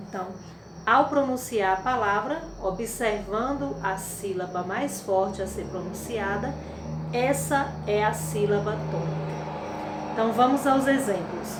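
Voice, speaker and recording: A woman teaching young children a language lesson, speaking patiently and stressing syllables loudly. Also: medium pitch, measured pace, noisy background. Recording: echoey room, faint crickets.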